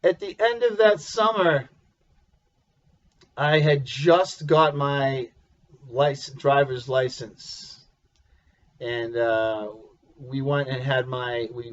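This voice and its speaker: Slow-talking man telling a family story. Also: medium pitch, steady tone. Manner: chuckling, halting, with many restarts. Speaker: vlogger. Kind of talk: casual personal storytelling. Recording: dull lo-fi recording.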